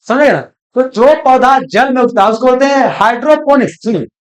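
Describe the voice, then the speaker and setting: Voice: sits high, fairly quick. A teacher gives a recorded exam-coaching lecture, asking questions aloud and answering them, repeating key terms and calling students "babu". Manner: folksy, calls students "babu".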